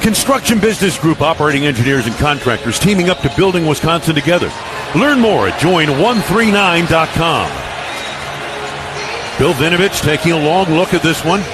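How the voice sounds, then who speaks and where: Over music and a noisy stadium broadcast feed, a radio play-by-play announcer calls a live football game. His voice is on the high side and his speed normal, and his punchy, clipped phrases rise in excitement as plays unfold.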